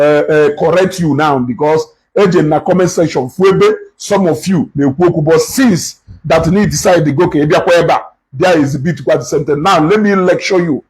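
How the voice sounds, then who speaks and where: A man's voice: a little high, darkish tone, slightly rough, poor audio. A Nigerian man with an Igbo accent hosting a live stream, lecturing his viewers and switching between English and Igbo. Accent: Nigerian, Igbo-speaking. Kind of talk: casual live-stream commentary.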